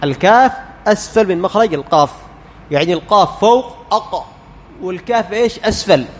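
A man teaching Quran recitation as a lecture. He quizzes the class, answers his own questions and sounds out letters slowly. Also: sits high, animated, long reverb tail, a little hiss or hum.

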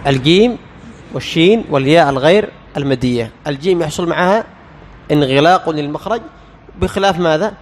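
A man teaching Quran recitation as a lecture. He quizzes the class, answers his own questions and sounds out letters slowly. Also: fairly high pitch, in a large hall, slight background noise.

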